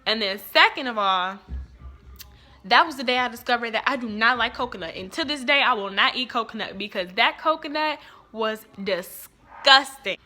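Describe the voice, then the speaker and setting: A woman's voice: fairly high pitch, animated, normal speed, bright, forceful tone, soft background music. A young woman in her twenties, a cooking show host, telling a childhood story in a casual, chatty way full of fillers. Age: 20s.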